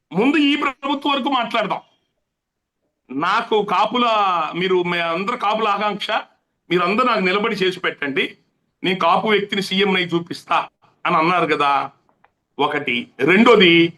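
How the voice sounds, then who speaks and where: A man's voice: very high voice, bright, forceful tone. A man speaking as an interview guest in heated interview talk, impassioned and emphatic, repeating his points for force. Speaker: interview guest, political activist.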